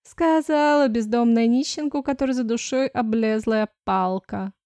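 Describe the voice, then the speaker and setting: A woman's voice: on the high side, normal speed, mellow, no room sound, lightly acted. A woman reader voicing a cruel young woman who mocks in a nasal voice in an audiobook. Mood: mocking. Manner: mocking, scornful.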